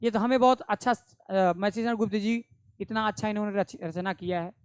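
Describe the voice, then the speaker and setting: A man's voice: high-pitched, steady tone, a little fast, clean tone, dry recording. A man teaching Hindi poetry, explaining each verse line by line and asking rhetorical questions.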